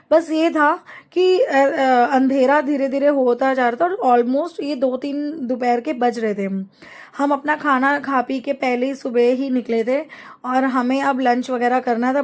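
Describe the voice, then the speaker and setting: A middle-aged woman narrating a family travel vlog in a chatty, rambling way, pausing to find words. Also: sits high, a little mellow. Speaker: travel vlogger.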